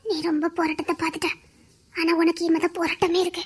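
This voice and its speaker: A woman's voice: extremely high pitch, level tone, fast. A woman voicing a grieving mother who lost her twin babies, speaking in an earnest, insistent and soothing way in an amateur audio drama.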